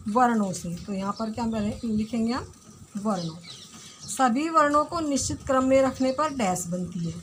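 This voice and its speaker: A woman's voice: sits high, a little hiss or hum. A woman teacher with an Indian accent giving a recorded lesson to young children, patiently explaining, asking questions and answering them herself. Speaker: primary school teacher.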